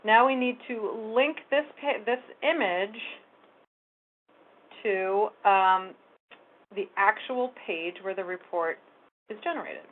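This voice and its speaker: A woman's voice: mid-range voice, slow pace, pauses often. Lady doing a screen-share tutorial, chatty click-by-click explaining, thin phone-like sound. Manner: casual step-by-step explaining, talks while clicking. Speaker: real estate tech trainer. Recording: phone-like narrow band audio.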